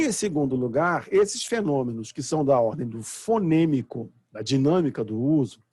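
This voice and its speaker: Husky-voiced Brazilian male lecturer. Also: fairly high pitch, a little mellow, no room sound. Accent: Brazilian Portuguese. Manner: explanatory, often checks with "entendeu?". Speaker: university lecturer. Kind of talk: live online lecture. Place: home.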